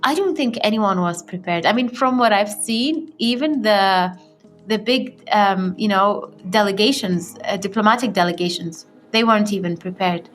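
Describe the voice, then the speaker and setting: A woman's voice: medium pitch, normal speed, soft background music. A woman from Yemen, an aid worker, recounting her experiences in a hesitant, reflective way with many fillers and restarts.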